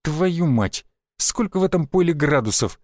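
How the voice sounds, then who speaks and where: A man narrating a first-person audiobook in a lively, expressive reading. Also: fairly high pitch, normal speed, dry recording, studio quality.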